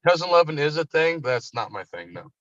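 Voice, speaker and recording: A man's voice: fairly high pitch, very animated, quick pace, fairly bright tone, no room sound, highs cut off. A man chatting casually from the passenger seat of a parked vehicle, rambling and swearing freely. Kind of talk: casual chat. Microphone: phone.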